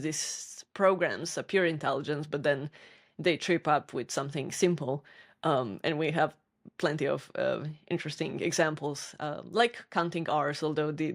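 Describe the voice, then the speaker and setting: A woman co-hosting a casual podcast, talking thoughtfully with frequent restarts and small laughs. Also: deep voice. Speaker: podcast co-host.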